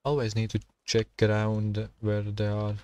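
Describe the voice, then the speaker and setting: Man, gaming streamer, low voice, slow and flat, thinking aloud. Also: a little hiss or hum. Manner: halting non-native English, thinking aloud while playing. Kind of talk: casual gameplay commentary.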